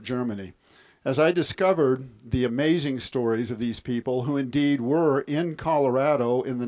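Male author-speaker, mid-pitched, measured storyteller for a scripted history presentation. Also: a little mellow.

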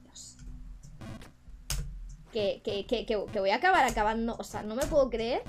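A woman's voice: on the high side, expressive, moderate pace, faint music behind. A young woman with a Spain Spanish accent, chatting on a live gaming stream, frustrated and swearing at the game.

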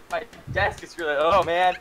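A man's voice: sits high, gravelly. A young man joking crudely and giggling with friends while gaming. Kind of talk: casual gaming chat. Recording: loud noisy gaming voice chat.

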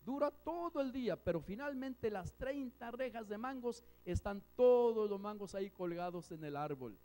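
A pastor from Mexico preaching a sermon, telling a story with emphatic swings between loud and soft. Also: male voice, high-pitched, lively intonation, moderate pace. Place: church hall.

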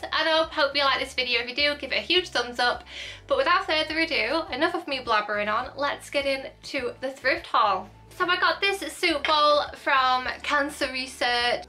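Young woman, bright high voice, gushing rambling haul-video chatter, soft music underneath. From United Kingdom. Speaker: thrift haul vlogger.

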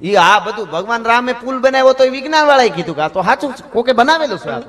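Man, stage talk, emphatic, preachy, chuckling asides, high-pitched voice. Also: animated, quick pace, a bit bright. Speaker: folk stage performer. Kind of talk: live stage talk to an audience.

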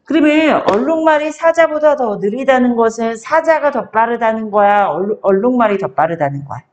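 A woman tutoring a child one-on-one, coaxing the child along and reading sentences out slowly before explaining them. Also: on the high side, expressive.

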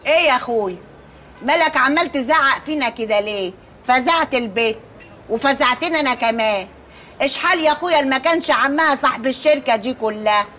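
A loud, doting folksy auntie with an Egyptian accent in a sitcom. Her voice sits high and she banters in a teasing, sing-song way. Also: expressive, fast talker, a little hiss or hum. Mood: indignant. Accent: Egyptian Arabic. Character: brash folksy middle-aged aunt, loud and doting. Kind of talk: sitcom acting.

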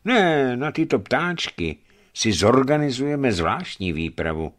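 A man voicing a shrewd male taiga hunter who speaks in a measured way. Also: mid-range voice, big pitch swings, pitched above the performer's own voice, lightly acted.

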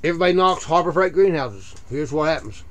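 A man giving a casual walkthrough of his small greenhouse, plain-spoken and listing things with frequent "uh" pauses, recorded on a head-mounted camera. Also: fairly high pitch, animated. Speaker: video creator giving a greenhouse tour. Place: small greenhouse at night, indoors. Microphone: head-mounted action camera.

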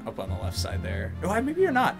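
Male co-player, light high-ish voice, swears freely and jokes constantly. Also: wildly swooping pitch, a little fast, soft background music. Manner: joking, profane banter. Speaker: co-player of a video game. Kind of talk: casual gaming chat.

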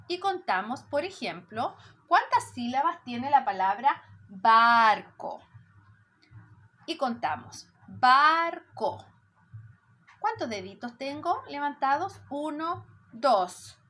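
Slow, lively preschool teacher woman. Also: sits high. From Chile. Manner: warm, patient, drawn-out syllables. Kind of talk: slow lesson for young children.

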